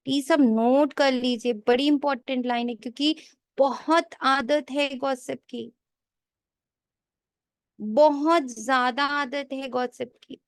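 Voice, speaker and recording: A woman spiritual teacher giving a sermon, slowly repeating key lines for emphasis and mixing in English phrases. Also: high voice, steady tone, no echo, studio quality. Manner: mixes English phrases into her talk. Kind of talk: sermon explaining a daily scripture reading.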